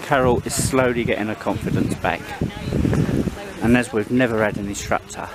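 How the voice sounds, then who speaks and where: A man's voice: lowish voice, fairly even intonation, normal speed. A man casually narrating his own vlog on a ski slope, chatty and affectionate, filmed with a camera mic. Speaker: vlogger filming his wife skiing. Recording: handheld camera outdoors with loud wind and crowd noise.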